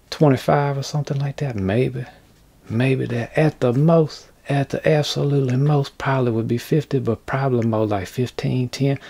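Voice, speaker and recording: A man's voice: medium pitch, vocal fry, darkish tone, husky. A man hosting a casual workshop vlog, rambling in a folksy, joking way to his viewers. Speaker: craft channel host. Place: indoor workshop.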